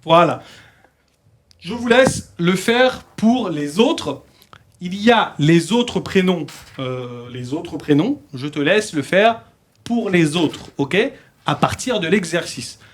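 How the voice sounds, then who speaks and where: A man's voice: high voice, animated, slow. A man teaching a beginner French class, repeating key points and explaining in Spanish to his students in a classroom.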